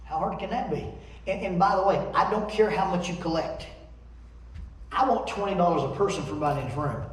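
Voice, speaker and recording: A man preaching a sermon in a church, telling stories in a folksy, animated way. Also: high voice, fast. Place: church sanctuary. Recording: echoey church from far off.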